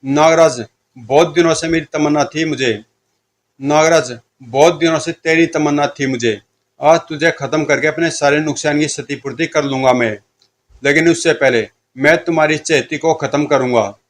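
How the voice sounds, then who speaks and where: A man's voice: fairly high pitch, moderate pace, close to an everyday voice. A man voicing a greedy, boastful male villain chief who mocks his enemies. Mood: gloating. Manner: boastful, mocking laugh.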